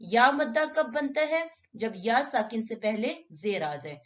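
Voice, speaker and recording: A woman's voice: on the high side, big pitch swings, unhurried, dull audio. A woman teaching Quran recitation step by step, asking and answering her own questions and drawing out sample syllables.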